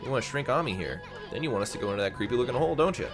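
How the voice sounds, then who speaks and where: A man's voice: medium pitch, lively intonation, very fast, over music, a crowd in the background, pitched above the performer's own voice, natural voice. A man voicing a cheeky, brash tiny male wandering artist in a video game, with a teasing manner.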